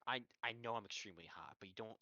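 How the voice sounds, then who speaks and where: A man playing a tabletop role-playing game, talking casually in character in a halting, complaining way. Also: lowish voice, a crowd in the background. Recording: dull, lo-fi sound.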